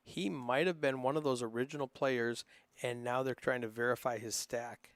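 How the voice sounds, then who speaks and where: Chatty northern Minnesota poker commentator. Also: male voice, medium pitch, steady tone, moderate pace, dry recording. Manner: casual, chatty, rambling with frequent fillers. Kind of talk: live poker play-by-play commentary.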